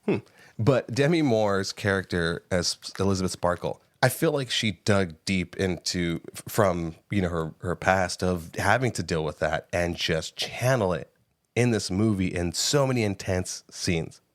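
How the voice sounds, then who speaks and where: Low-voiced man chatting about movies. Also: a little slow, no room sound, studio quality. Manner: animated, swearing, laughing often. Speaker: podcast co-host. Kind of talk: casual movie review chat. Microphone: close studio mic.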